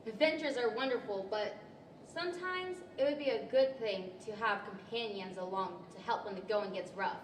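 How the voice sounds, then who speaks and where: A woman's voice: a little high, moderate pace, lightly acted. A woman playing Alice, an eager, curious, proper young girl, wide-eyed and exclamatory in 1940s radio-theater style. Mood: reflective. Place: large library hall, live stage performance. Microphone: stand microphone. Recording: echoey hall, distant mic, faint noise.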